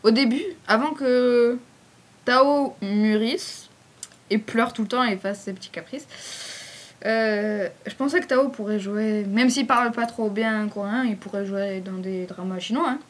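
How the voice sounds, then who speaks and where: A woman's voice: a little high, measured pace. Chatty woman with a southern French accent. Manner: chatty, rambling, frequent fillers. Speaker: fan page admin answering questions. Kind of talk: casual Q&A vlog.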